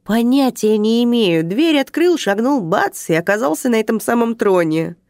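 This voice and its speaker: A woman's voice: on the high side, lively intonation, moderate pace, a little mellow, no room sound, voice pushed up. A scruffy, weary man grumbles his answers, as a woman reading a story puts him on. His replies sound tired and put out. The sound is dry and close. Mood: grumbling. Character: shabby grumbling barefoot man in sandals.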